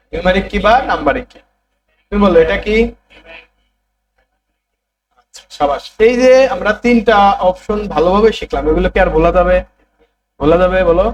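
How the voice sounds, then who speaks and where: A man's voice: high-pitched, normal speed, long pauses, lo-fi sound, a crowd in the background. A man teaching a computer class, repeating terms and prompting students to say them back. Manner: repetitive, drilling students to answer back. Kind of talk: classroom lesson.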